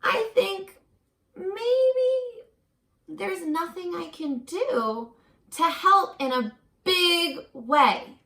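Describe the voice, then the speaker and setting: A woman reads a book aloud to young children, her high, unhurried voice slightly creaky at the edges. Gentle, encouraging, and animated, she acts out the story and turns to ask the listener questions, much like a teacher with her class. The sound is reverberant.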